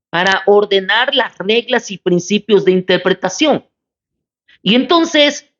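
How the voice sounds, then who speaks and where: A woman pastor giving a Bible study lesson, speaking deliberately, repeating key phrases and checking in with her listeners. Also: medium pitch. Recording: slightly dull lo-fi recording.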